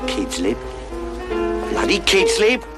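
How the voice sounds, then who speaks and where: An actor playing an older, bigoted, loudmouthed working-class London man with a Cockney accent who swears constantly, in 1970s film comedy style. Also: fairly high pitch, wildly swooping pitch, takes it slowly, loud music behind the voice, exaggerated voice. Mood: grumbling.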